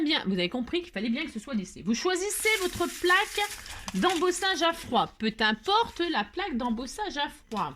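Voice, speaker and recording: A woman's voice: fairly high pitch, fairly bright tone, slight background noise. A woman hosting a casual craft tutorial, chatting in a rambling, self-mocking way with frequent laughs and asides.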